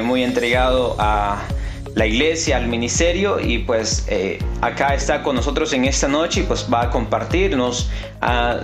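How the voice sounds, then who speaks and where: Hesitant man hosting a church podcast. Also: medium pitch. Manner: hesitant, many fillers and restarts. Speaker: podcast host. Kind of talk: casual interview with many fillers. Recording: echoey room.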